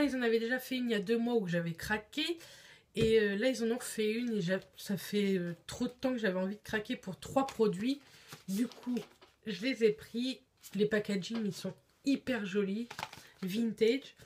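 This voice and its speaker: A woman's voice: on the high side, slight background noise. A woman chatting casually on camera in a beauty haul vlog, with lots of hesitations. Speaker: beauty vlogger.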